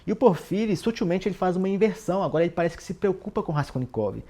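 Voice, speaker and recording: A man's voice: high voice, animated, rapid-fire, warm tone. A man with a Brazilian accent discussing a classic novel in a casual, explanatory way, often ending sentences with tag questions and restarting words. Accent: Brazilian Portuguese. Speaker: literature commentator.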